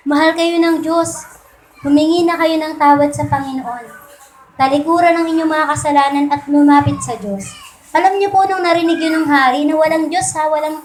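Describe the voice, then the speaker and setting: A woman preaching as she retells a Bible story in a casual way, politely asking her listeners questions again and again. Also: high-pitched.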